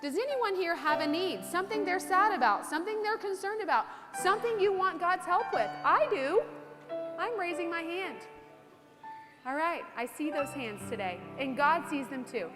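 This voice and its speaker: A woman leading a children's service at camp, gentle and prayerful, asking the kids questions. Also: extremely high pitch, lively intonation, moderate pace. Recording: reverberant hall, clear music behind.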